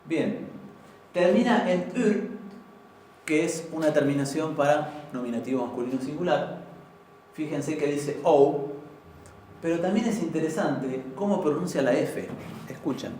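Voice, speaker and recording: A man teaching a language class, patiently explaining and repeating words slowly. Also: fairly high pitch, warm tone, a little hiss or hum. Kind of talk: informal classroom lesson. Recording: very echoey room, from far off.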